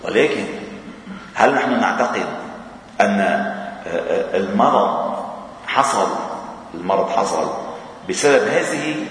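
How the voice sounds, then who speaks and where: A man from Lebanon, speaking with a Levantine Arabic accent, preaches informally in a mosque, chuckling often and tossing questions to listeners. His expressive, slightly bright voice is a little slow with many pauses, booming around a large hall with long reverb and a distant mic.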